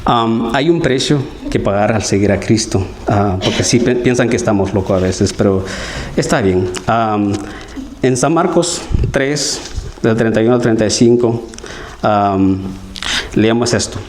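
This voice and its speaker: A Guatemalan lay preacher gives an earnest, conversational sermon, often asking his listeners to agree with him. His voice is on the low side and darkish, and he speaks a little slowly. The recording carries a roomy church-hall echo and slight background noise.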